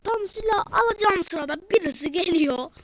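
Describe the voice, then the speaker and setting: A woman streamer giving live gameplay commentary, excitable and swinging between low mutters and sudden outbursts. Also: normal speed. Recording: muffled lo-fi screen recording.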